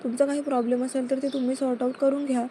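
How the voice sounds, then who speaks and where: A woman's voice: sits high, flat delivery, very fast, warm tone, slight background noise, lightly acted. A woman reading the part of a formal, businesslike committee member in a story.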